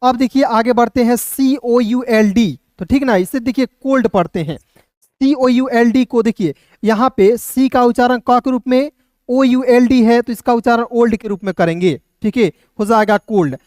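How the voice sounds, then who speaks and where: A man's voice: extremely high pitch, darkish tone, dry recording. Male tutor, patient letter-by-letter explainer, dry close sound. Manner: slow, spells words letter by letter, asks "clear?". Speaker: English teacher. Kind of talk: reading lesson taught in Hindi.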